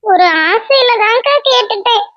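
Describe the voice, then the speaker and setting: A voice actor playing a hurt, tearful young wife in a Tamil cartoon, pleading softly with a Tamil accent. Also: very high-pitched, moderate pace, no room sound. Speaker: cartoon character. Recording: dull lo-fi dry voice track.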